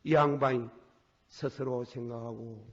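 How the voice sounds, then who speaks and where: An older man with a Gyeongsang accent preaching a folksy sermon. He is blunt and animated, swinging from soft murmurs to loud outbursts and laughing at his own stories. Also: medium pitch, a little slow, husky. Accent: Gyeongsang Korean. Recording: dull lo-fi sermon tape with long hall reverb.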